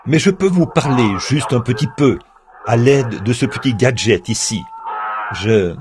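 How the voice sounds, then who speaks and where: At a middle pitch, a French man reads a translated sermon aloud, measured and earnest like a preacher. His voice-over is laid over the original congregation recording, and the crowd sounds remain clearly audible behind him.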